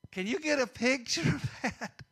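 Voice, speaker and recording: A middle-aged man preaching a sermon, swinging between loud emphasis and hushed asides. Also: very high voice, husky. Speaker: pastor.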